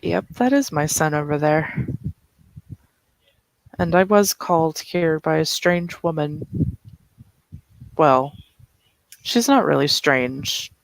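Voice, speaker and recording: Brief: player voicing an awkward, wry mom, slow and rambling, dry close sound. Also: medium pitch, animated, vocal fry, no room sound, rough recording. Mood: flustered. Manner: rambling, self-correcting, wry. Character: flustered mother, a woman, awkward and wry.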